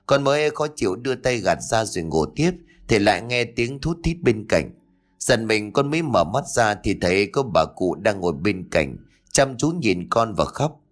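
A man's voice: lowish voice, big pitch swings, normal speed. A man voicing a timid, easily frightened young son who stammers out his fears in an audiobook ghost story. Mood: anxious. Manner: stammering and fearful.

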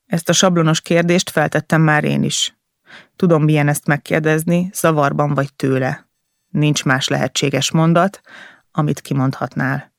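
Reading a first-person novel aloud, this male audiobook narrator sounds intense and emotional, breaking the text into short, faltering phrases. His slightly high voice is level and creaky, captured in a dry, studio-quality recording.

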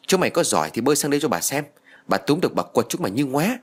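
A man's voice: big pitch swings, breathy edge. A man voicing a foul-mouthed old village woman who scolds and curses. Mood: furious. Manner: shrill, scolding, cursing rapidly.

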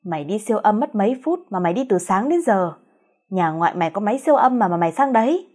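A woman's voice: mid-range voice, lively intonation, fast, dark tone, close to an everyday voice. A woman voicing a spiteful older mother-in-law who screeches and scolds in a storybook reading. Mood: furious.

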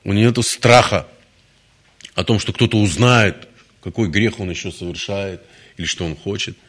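A man's voice: on the low side, normal speed, a bit bright. A man giving a devotional lecture in a conversational, storytelling manner, often restarting his words. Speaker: spiritual lecturer.

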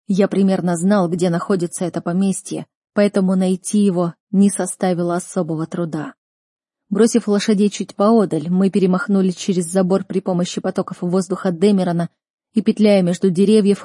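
Woman reading a fantasy story, dark mellow voice, dry close sound. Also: fairly low pitch, fairly even intonation, brisk, dry recording. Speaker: audiobook reader. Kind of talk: first-person fantasy audiobook narration.

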